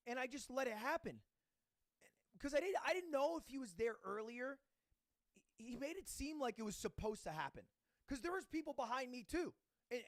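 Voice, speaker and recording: A man's voice: very high voice, no room sound, clean studio sound. A man streaming, casually telling a self-mocking story to his chat and acting out the other people in it. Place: home streaming setup.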